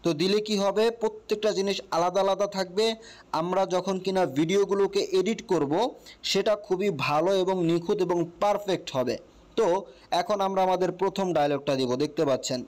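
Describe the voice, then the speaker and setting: A Bangladeshi man hosts a tutorial in a slightly high, darkish voice. He explains things casually, walking through each step and checking in often.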